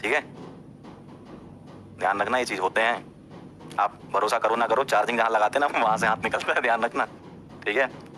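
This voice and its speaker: A man's voice: fairly quick, long pauses, a little hiss or hum. A man, a teacher, casually telling a story to his class, talking straight to his listeners and often checking in with them. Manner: animated, jumps up in pitch when insisting.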